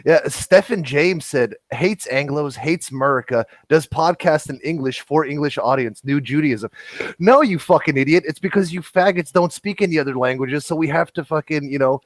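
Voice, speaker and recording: A man's voice: fairly high pitch, moderate pace, no room sound. A man from Germany hosting a casual podcast chat, blunt and profane, laughing often.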